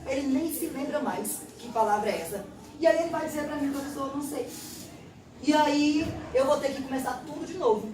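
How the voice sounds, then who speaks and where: A woman's voice: sits high, noisy background. A woman with a Brazilian Portuguese accent, a literacy teacher explaining a classroom test step by step and acting out exchanges with pupils. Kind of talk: instructional explanation. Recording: roomy echo, distant mic.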